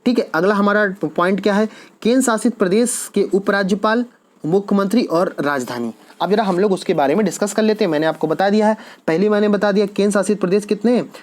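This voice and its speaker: A man's voice: sits high, a little mellow. A man teaching an exam-prep lecture, posing quiz questions and answering them himself, repeating each key answer.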